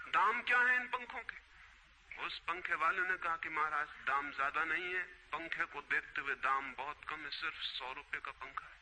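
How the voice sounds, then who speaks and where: A man delivering a spiritual discourse in a bright, ringing voice, slow and emphatic. He pitches high for a man and leans on rhetorical questions. A faint hiss sits under the speech. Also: poor audio. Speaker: spiritual speaker.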